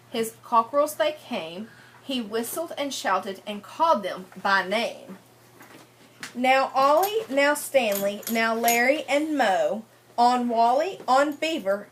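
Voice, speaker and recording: A slow, expressive woman's voice, a little high and a bit bright, guides young children through a picture book as their teacher. She keeps asking questions, explaining, and echoing the kids' answers, with a little hiss or hum audible.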